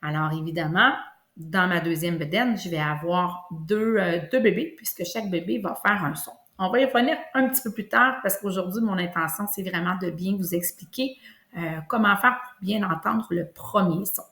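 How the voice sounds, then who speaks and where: A woman with a Québécois French accent, teaching a kindergarten lesson and slowly stretching out sounds for young children. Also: on the low side, fairly bright tone. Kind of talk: classroom lesson video. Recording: echoey room.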